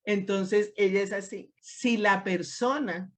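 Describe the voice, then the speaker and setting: A woman leading a women's discipleship class, teaching in a lively way and acting out quoted speech. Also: medium pitch, slow pace. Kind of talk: teaching a group discussion.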